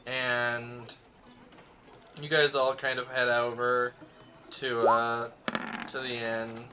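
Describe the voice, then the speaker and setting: A man narrating as game master of a tabletop game in a relaxed, chatty way. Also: mid-range voice, slow pace, lo-fi sound, background noise. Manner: relaxed, chatty, laughs often.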